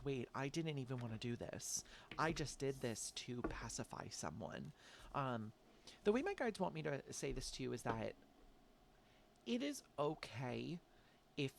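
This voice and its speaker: Here a male tarot reader with an American accent chats his way through an informal reading, his nose stuffed up from allergies and his speech peppered with "um" and "like." The voice sits at a medium pitch with vocal fry, and a little background noise can be heard.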